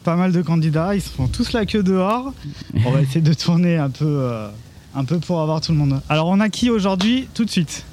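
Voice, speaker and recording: Male radio co-host, fairly high voice, lively, a faint hum of ambience behind. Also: a little fast. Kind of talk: live radio interview.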